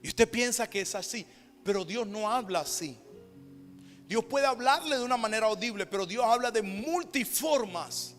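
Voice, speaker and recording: A high-pitched male pastor with a Panamanian Spanish accent delivers a sermon, swinging between ringing, emphatic declarations and hushed, quiet stretches. His voice carries a long church-hall reverb, with soft music playing underneath. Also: lively intonation, moderate pace. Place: church sanctuary.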